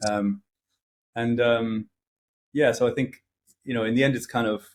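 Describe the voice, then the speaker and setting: A man's voice: mid-range voice, steady tone, measured pace, slight background noise. A middle-aged man talking as an interview guest, casual and hesitant, with frequent fillers and restarts. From grew up in several countries.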